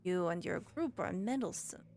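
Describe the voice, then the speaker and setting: A woman voicing a small, smug imp servant in a tabletop game, speaking in a tiny, measured, taunting voice. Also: fairly low pitch, lively intonation, darkish tone, slight background noise, lightly acted. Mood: smug, cryptic.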